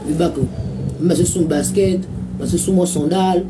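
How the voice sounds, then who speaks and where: A man's voice: high-pitched, fairly even intonation, a little slow. A man with a Congolese accent, hosting a radio show in a rambling, repetitive monologue full of filler sounds. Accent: Congolese (Brazzaville). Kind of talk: casual commentary monologue. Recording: distant mic with a noisy background.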